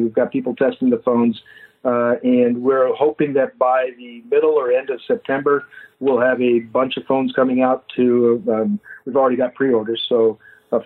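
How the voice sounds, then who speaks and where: A man in his fifties, a foundation founder, speaking haltingly with many fillers as a guest in a phone-in interview. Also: mid-range voice. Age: 50s. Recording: tinny phone line.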